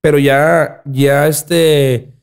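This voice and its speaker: A young man with a Sinaloa Mexican Spanish accent, talking casually on a podcast in a small studio, animated and often restarting his words. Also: on the high side, drawn-out words, clean tone. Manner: animated, gestures a lot, repeats and restarts words. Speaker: podcast guest, content creator. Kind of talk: casual chat. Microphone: studio mic on boom arm, headphones.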